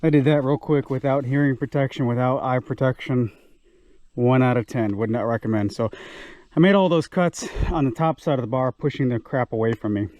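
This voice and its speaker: A man with a mid-range, slightly mellow voice speaks briskly over a little hiss or hum. Vlogging outdoors in a wooded clearing while he works his land, he's slightly breathless, chatty, self-deprecating, and thinks aloud as he talks to the camera.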